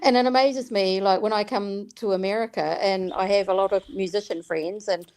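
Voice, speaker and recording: A woman's voice: mid-range voice, fairly even intonation, moderate pace, a little mellow. Kiwi lady guest on a podcast, friendly and giggly, easy chat. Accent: New Zealand. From New Zealand. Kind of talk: casual chat.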